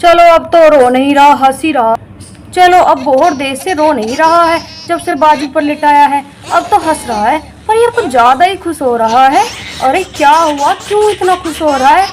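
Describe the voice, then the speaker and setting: A woman's voice: sits high, moderate pace, close to an everyday voice. A woman voicing a fussy, squeamish uncle in a doll story, with frantic exclamations. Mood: puzzled. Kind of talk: doll story role-play.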